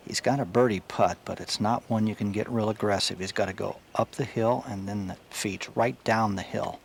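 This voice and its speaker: A man's voice: on the low side, vocal fry, slight background noise. A man giving live golf commentary in an informal, colloquial way.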